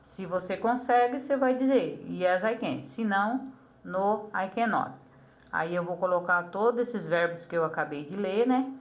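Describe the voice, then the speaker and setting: A woman with a Brazilian accent teaches English to a child. She explains patiently and says each example phrase slowly and carefully. Her voice sits at a medium pitch. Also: lively intonation. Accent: Brazilian Portuguese.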